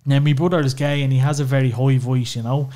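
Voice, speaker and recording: This Irish man's mellow, medium-pitched voice stays level in tone while moving fast. As a podcast guest he gets personal about family, swearing freely and dropping "you know" constantly in a candid, emotional chat.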